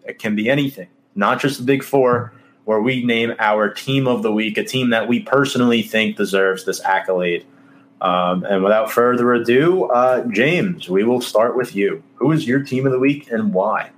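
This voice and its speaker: A man hosting a casual sports podcast, talking loosely with many fillers and pauses while he leads the segments. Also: mid-range voice, a little hiss or hum. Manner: hesitant, filler-heavy, loose. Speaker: podcast host.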